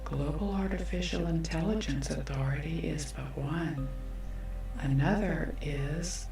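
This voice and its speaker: A superior, all-knowing female android acted by a woman in an ASMR role-play. The voice is low and very slow, with robotic, measured phrasing. It sounds distant in a long echo. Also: vocal fry, warm tone, soft background music. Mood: cold, measured. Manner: robotic android delivery, measured, formal, detached. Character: omnipotent female android AI from the future, cold, superior.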